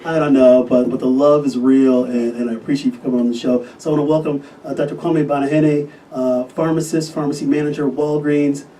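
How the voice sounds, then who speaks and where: A man, a physician, hosting a casual podcast interview and talking with enthusiasm, often pausing on fillers. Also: medium pitch, steady tone, dark tone. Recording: distant mic with faint noise.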